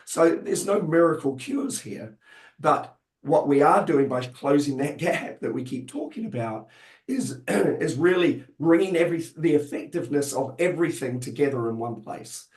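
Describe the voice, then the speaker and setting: A man's voice: a little high, animated, moderate pace, a little mellow, reverberant. A man presenting in a webinar, explaining a support program with many fillers and restarts, losing his voice. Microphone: online video call.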